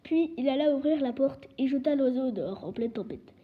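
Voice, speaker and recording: A woman reading a storybook aloud, steady, with occasional slips. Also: high-pitched, fairly quick. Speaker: audiobook reader. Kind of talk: storybook narration. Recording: dull lo-fi recording.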